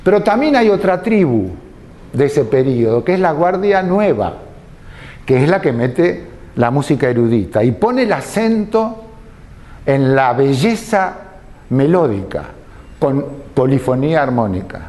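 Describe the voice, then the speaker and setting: A man giving a lecture, explaining slowly and deliberately and posing rhetorical questions to his listeners. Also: mid-range voice, very animated, darkish tone. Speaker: tango lecturer.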